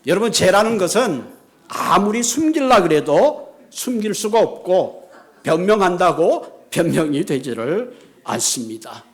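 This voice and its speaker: Male pastor, sermon, earnest and emphatic, higher-pitched voice. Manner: earnest, emphatic preaching with a told joke.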